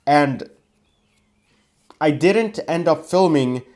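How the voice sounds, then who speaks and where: A young man casually telling a story, animated and swearing as he acts out what people said. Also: a little high, drawn-out words. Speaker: vlogger recounting refereeing.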